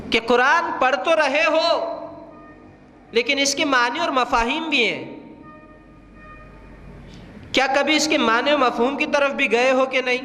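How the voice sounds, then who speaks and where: A male preacher with a Pakistani Urdu accent speaks in a very high, bright and forceful voice. He lectures earnestly and turns to his listeners with rhetorical questions. The sound rings around a large hall with a long reverb. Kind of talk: religious lecture.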